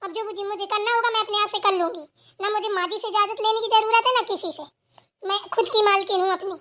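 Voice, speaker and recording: A woman's voice: very high-pitched, fairly even intonation, fast, pushed and bright. A woman voicing a defiant young daughter-in-law in a cartoon, assertive and determined to study. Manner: pleading then defiant, assertive. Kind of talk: cartoon voice acting.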